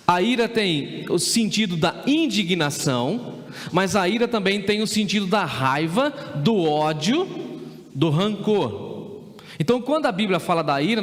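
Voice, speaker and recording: A Brazilian man preaching a sermon as pastor, emphatic and putting rhetorical questions to the congregation. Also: high voice. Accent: Brazilian Portuguese. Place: church sanctuary. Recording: long church reverb.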